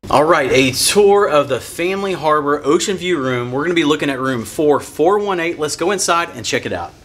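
A man's voice: a little high, expressive, brisk, fairly bright tone, soft background music. Upbeat man giving a cabin tour. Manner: upbeat, chatty, guiding the viewer around. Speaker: cruise vlog host. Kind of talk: walking room-tour vlog. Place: small ship cabin, indoors.

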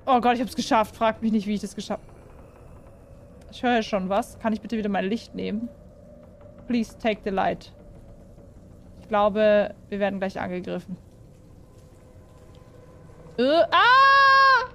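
A woman's voice: mid-range voice, fairly even intonation, normal speed, darkish tone, slight background noise. A young woman playing a horror game and commenting for her viewers, jumpy and full of exclamations, often asking them questions. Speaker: gaming YouTuber.

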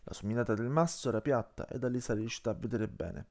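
A man's voice: medium pitch, fairly quick, vocal fry. A man reading an audiobook aloud, narrating in the first person and voicing each character. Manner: expressive, voices the characters. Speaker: audiobook reader.

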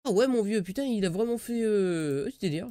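A young man streaming games, joking loudly, swearing and talking to his viewers. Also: sits high, animated, brisk. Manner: loud, joking, swearing often, talks to chat. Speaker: gaming streamer. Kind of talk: excited live gameplay commentary.

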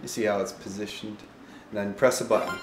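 A man with a nasal voice, chatting and joking casually while playing a party game, quick to swear and get excited. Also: fairly low pitch. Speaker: gameplay video host. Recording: roomy with game music behind.

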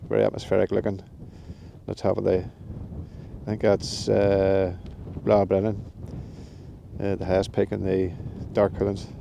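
The recording is muffled, and the man's low voice carries vocal fry as he speaks a little slowly and in a monotone. He's an outdoor vlogger in his fifties, casually chatting to a phone camera held at arm's length on a windy mountain summit, laughing often and making self-deprecating jokes.

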